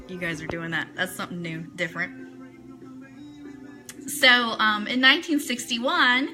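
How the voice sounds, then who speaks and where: Her mid-range voice comes across pushed and bright through poor audio as she hosts a live online radio broadcast. The American woman chats with her audience, greeting people by name, and reads items aloud between remarks.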